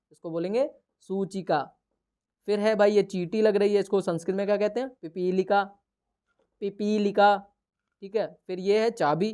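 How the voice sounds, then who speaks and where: A male teacher with a smooth, resonant voice walks through a school lesson in a patient way. He often pauses to check that the listener follows, answers his own questions, and says each word twice with care. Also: high voice, darkish tone. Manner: poses questions and answers them himself; says each word slowly, then repeats it.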